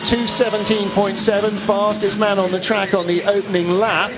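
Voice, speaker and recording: A man giving live motorsport commentary, calling the race play-by-play with questions and quick self-corrections. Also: high voice, flat delivery. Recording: loud car and trackside noise behind.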